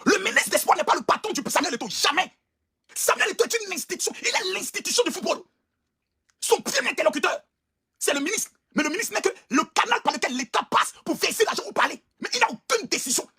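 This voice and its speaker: A man's voice: very high-pitched, lively intonation, fast, gravelly, bright, forceful tone. A man giving an impassioned, indignant video rant as an online commentator, emphatic and pleading by turns.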